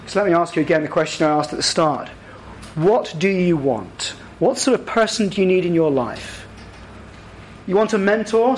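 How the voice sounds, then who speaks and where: An earnest man delivering a sermon, his voice sitting a touch high for a man. He jumps up higher and louder for the lines he acts out. A faint hum of noise runs under the recording. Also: rough recording. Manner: earnest, rises to higher, louder voicing for acted quotes. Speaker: preacher.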